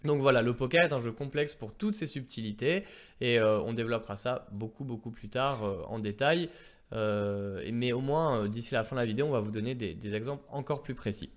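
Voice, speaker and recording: A man explaining poker concepts in a casual two-person lesson, animated and fond of everyday comparisons. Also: mid-range voice, a little fast. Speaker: poker coach.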